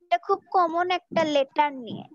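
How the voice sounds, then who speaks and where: A woman's voice: extremely high pitch, moderate pace, dull audio. A young woman student politely and hesitantly asking her teacher a question in an online class.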